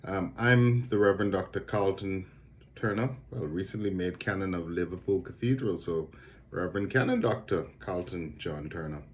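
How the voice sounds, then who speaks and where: A middle-aged man from the Bahamas, a theologian talking to camera about his work in a thoughtful, measured way, repeating words as he searches for them. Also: low voice. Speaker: theologian and lecturer.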